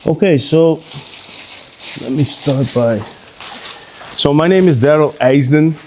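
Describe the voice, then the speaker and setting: A man from Curaçao giving an informal live talk as a guest speaker at an art exhibition. He speaks in a halting, conversational way and often restarts his sentences. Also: on the high side, darkish tone, slight background noise.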